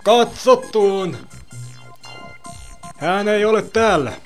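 A man's voice: high voice, lively intonation, soft background music, pitched above the performer's own voice. A man voicing a faceless male intruder who calls out in short, clipped replies from another room in a storytelling reading. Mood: flat.

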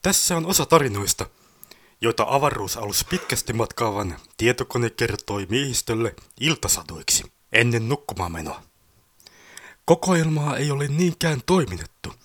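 A man's voice: mid-range voice, very animated, fairly bright tone. A man reading a formal scripted introduction to a collection of stories. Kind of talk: scripted narration.

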